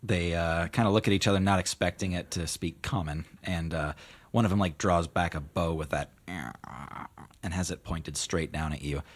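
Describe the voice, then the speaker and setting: A man narrating a tabletop game as game master in a casual, halting, improvised way. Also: deep voice.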